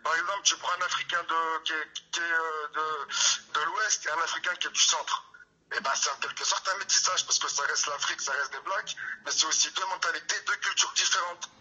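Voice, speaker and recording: Male phone-in caller, Paris suburban accent, very raspy and sharp-edged, casual French street slang over a telephone line. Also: a little high, steady tone, fairly quick. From Paris suburbs, France. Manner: French street slang, repeats checking tags. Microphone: phone call. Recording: muffled, harsh telephone line.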